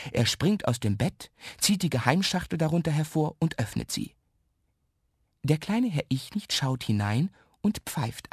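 A man narrating a children's radio story with lively, expressive storytelling. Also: mid-range voice, husky, dry recording, clean studio sound.

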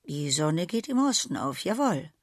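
A woman voicing a grumpy male animal prince who talks in a gruff, hissing way. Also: deep voice, very animated, moderate pace, no room sound, clean studio sound.

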